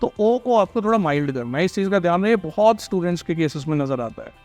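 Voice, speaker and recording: A man with a high voice teaches as an exam-prep tutor, explaining patiently and checking in with his listeners. He slows down to model each English word. Faint music plays underneath. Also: animated, darkish tone. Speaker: IELTS tutor. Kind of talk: Hindi-English teaching talk.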